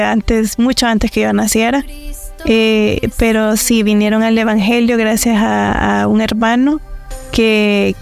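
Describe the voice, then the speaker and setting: Salvadoran woman guest, young, gravelly and smooth, halting speech, dry close sound, faint music beneath. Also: on the high side, a little mellow, dry recording. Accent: Salvadoran Spanish. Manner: hesitant, many fillers. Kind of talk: interview testimony.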